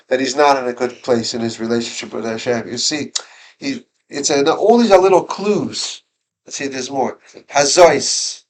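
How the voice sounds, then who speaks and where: Male teacher, higher voice, casual classroom lesson with lots of questions and restarts. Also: low-quality recording. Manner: conversational, questions the students, frequent restarts. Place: school classroom.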